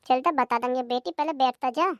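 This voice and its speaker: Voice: sits high, a little fast, dry recording, muffled recording. A voice artist voicing an older village mother-in-law who complains and laments in rustic speech, for a cartoon. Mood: lamenting.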